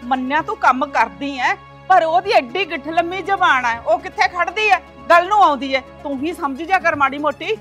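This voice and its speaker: A middle-aged woman playing a mother-in-law who loudly scolds her quarrelling daughters-in-law. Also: high-pitched, expressive, normal speed, faint music behind. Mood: scolding. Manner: loud, scolding, sharp-tongued. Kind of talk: village family drama acting.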